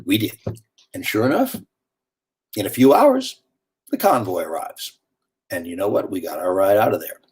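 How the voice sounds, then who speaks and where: A man delivering a wry, animated theatrical monologue, telling his story in a conversational way. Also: lowish voice, normal speed, pauses often, slightly rough.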